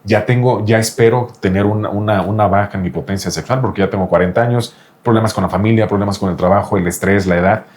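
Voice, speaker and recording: A man with a fairly low, slightly mellow voice talks fast, barely pausing. He is a reproductive andrology doctor in an explanatory interview with a patient, explaining insistently and repeating the patient's name often.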